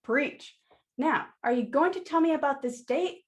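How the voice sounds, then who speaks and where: This high-pitched woman voices a radio-play flower shop keeper who is sassy, blunt and no-nonsense. She's brisk, wry and teasing here while offering advice.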